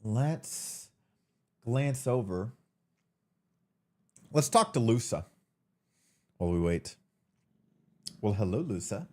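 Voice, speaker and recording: A man's voice: lowish voice, lively intonation, takes it slowly, pauses often, mellow. A man hosting his live stream in a casual chatty way, greeting viewers by name in an upbeat tone. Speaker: streamer host.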